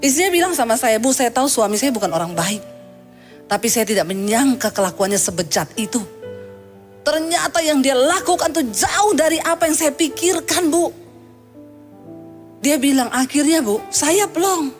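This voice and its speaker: A woman's voice: sits high, lively intonation, normal speed, soft background music. A woman pastor delivering a sermon, telling a story with humorous asides and vivid quoted voices.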